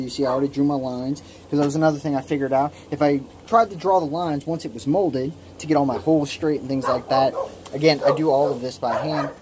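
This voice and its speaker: This man's voice sits fairly high, and background noise runs under it. He's in his late twenties and makes kydex holsters as a hobby, casually showing off his small home workshop shed while rambling, putting himself down, and restarting often with plenty of ums. A phone camera captures it.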